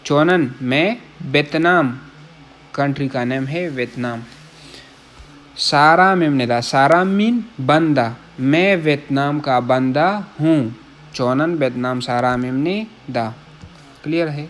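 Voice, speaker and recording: A man's voice: on the high side, a bit bright, a little hiss or hum. A man from Pakistan, teaching Korean vocabulary in a casual lesson. He reads each word, repeats it, glosses it in Urdu and keeps checking that listeners follow. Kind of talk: casual classroom-style lesson.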